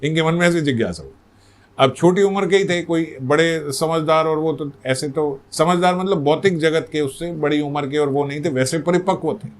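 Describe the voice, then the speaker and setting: A male spiritual teacher narrates a devotional story in a relaxed, conversational sermon. His voice sits fairly high. He often turns to the listeners with rhetorical questions. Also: normal speed. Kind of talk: religious katha sermon.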